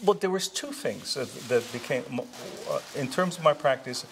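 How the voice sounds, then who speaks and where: A man in his sixties, born in Israel and raised in New Jersey, answering interview questions in an unhurried way with many pauses and restarts. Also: mid-range voice, sing-song, gravelly, noisy background. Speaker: interviewee, retired chiropractor.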